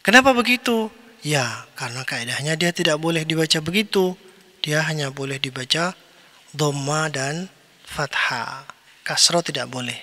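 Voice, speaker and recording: A man teaching a lesson, reciting words slowly and drawn out, then giving their meaning. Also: on the high side, animated, sharp tone, big-room sound. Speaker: Arabic teacher. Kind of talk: recorded online lesson.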